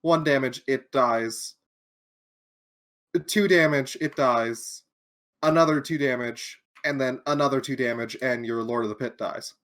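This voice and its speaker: A woman's voice: very deep voice, a little slow. A woman playing a card game on stream, explaining moves step by step with dry sarcasm. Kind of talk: casual game-night chat.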